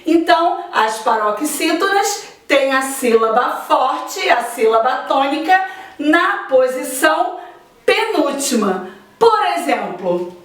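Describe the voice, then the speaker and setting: A woman teacher gives a slow, deliberate grammar lesson and stretches out her example words. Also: high-pitched, far from the mic. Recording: echoey room, voice off-mic.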